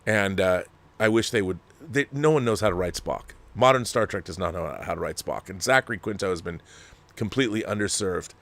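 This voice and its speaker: A low, fairly bright male voice with vocal fry belongs to the host of a film discussion show. His commentary is casual, opinionated, and emphatic, and he rambles while reading viewer letters, often stopping mid-sentence and trying again with different wording.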